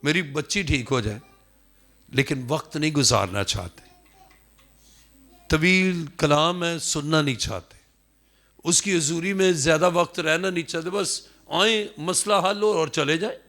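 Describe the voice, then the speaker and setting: A pastor speaking with a Pakistani Urdu accent and a slightly bright voice delivers an emphatic sermon. His pitch swings as he acts out what the people in the story say.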